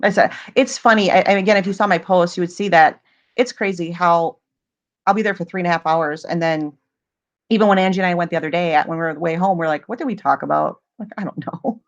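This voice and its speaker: A woman's voice: on the low side, fast talker, lo-fi sound. A woman hosting a casual livestream Q&A, chatty and rambling, often laughing as she talks. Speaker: livestream host.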